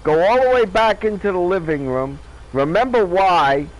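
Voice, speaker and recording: A man in his fifties chats loosely with his viewers as he plays, his voice sitting a little high for a man. He rambles from one thought to the next, cracking jokes and laughing at himself. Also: expressive, moderate pace, low-quality recording. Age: 50s. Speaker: gaming streamer. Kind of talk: casual chat with viewers while playing.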